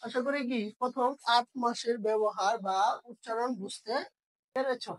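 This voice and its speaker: A woman's voice: on the high side, moderate pace, rough recording. A woman teaching an online language lesson, asking questions and answering them herself.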